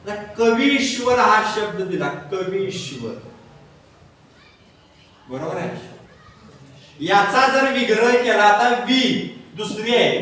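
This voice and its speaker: A man's voice: high-pitched, animated, slow, long pauses, sharp tone. A man teaching a grammar lesson to a class, asking questions and repeating the answers himself. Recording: echoey classroom from far off.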